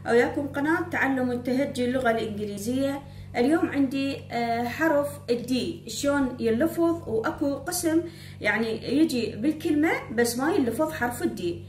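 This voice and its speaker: A woman with an Iraqi Arabic accent teaching English letters to pupils, speaking slowly and repeating herself while she writes. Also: high voice, a little mellow. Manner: slow, repeating, addresses pupils directly. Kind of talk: spoken blackboard lesson. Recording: echoey room with faint hum.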